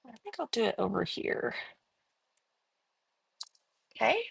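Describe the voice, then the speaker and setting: A woman's voice: a little high, very animated, takes it slowly, gravelly, slightly rough, dry recording. A woman with a Texas accent hosting a casual card-making demo, chatting and thinking aloud as she works. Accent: Texan. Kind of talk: casual live crafting demo.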